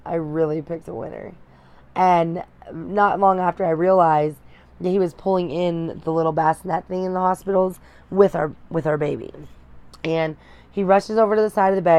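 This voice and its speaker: A young woman telling a personal story to her viewers, candid and emotional, often pausing and restarting her sentences. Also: lowish voice, a little mellow. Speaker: vlogger.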